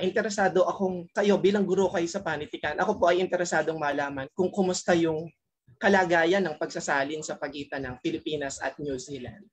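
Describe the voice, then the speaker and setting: A man moderates an online forum and poses questions to a guest. He speaks formally and courteously, with respectful particles throughout. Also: a little high.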